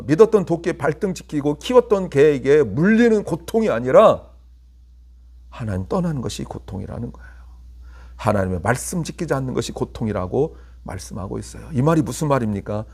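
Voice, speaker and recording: Korean pastor preaching with rising emphasis. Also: male voice. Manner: preaching with rhetorical questions, rising to emphatic peaks then dropping low; soft, slow and hushed when leading prayer. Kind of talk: sermon.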